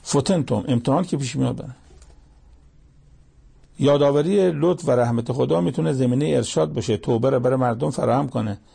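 A male preacher with a gravelly, husky voice delivers a sermon in a mellow, dark tone. He breaks into recited Arabic verses and drives his points home with pointed rhetorical questions. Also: medium pitch.

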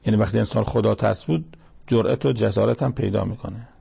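A man's voice: fairly low pitch, gravelly, warm tone, husky. A male preacher giving a colloquial sermon that explains scripture, telling anecdotes and breaking into emphatic exhortations.

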